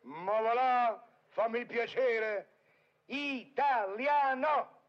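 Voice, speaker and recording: A man's voice: extremely high pitch, lively intonation, normal speed. A man playing a teasing, theatrical male smuggler in a dubbed vintage film comedy, with lo-fi old film sound. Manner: teasing, sing-song, theatrical. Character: mocking cheeky male smuggler, adult.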